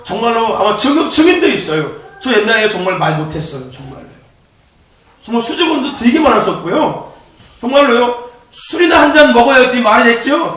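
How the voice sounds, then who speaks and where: A man youth pastor preaching a sermon in a church, animated and repetitive, laughing often as he talks. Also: very high voice. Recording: very echoey, distant mic.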